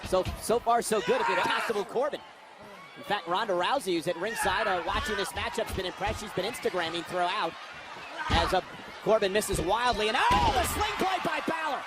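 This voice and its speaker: A man working as a wrestling commentator, calling the action live move by move in an excited, emphatic, dramatic way. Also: high voice, fairly quick. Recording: loud arena crowd noise. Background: roaring crowd in an arena.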